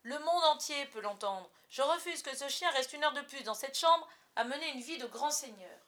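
A woman's voice: sits high, fairly even intonation, brisk, voice pushed up. A woman playing a blustering, self-pitying father. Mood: indignant. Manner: loud, sulky, defiant.

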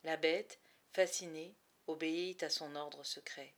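A woman narrating a storybook in a somewhat low voice. She reads expressively, in measured phrases broken by dramatic pauses, letting the tension build. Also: steady tone. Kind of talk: storybook reading.

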